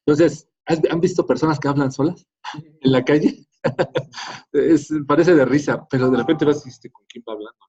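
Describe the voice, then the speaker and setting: A man's voice: a little high, normal speed, a little mellow, breathy edge. A man giving a classroom lecture in a conversational way, often asking "¿no?" to check in with students. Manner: conversational, tags many phrases with "¿no?". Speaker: teacher. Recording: dull lo-fi classroom recording.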